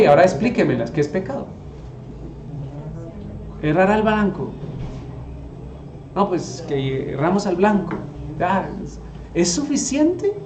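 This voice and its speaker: Speaking in an echoey room with some background noise, a man with a high-sitting voice leads a Bible lesson for a group. He often throws rhetorical questions at the audience.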